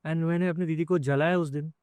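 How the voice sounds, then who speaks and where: A man, a music composer, sharing an emotional personal story in an interview, speaking in a soft, halting way. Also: fairly high pitch, steady tone, smooth, dry recording.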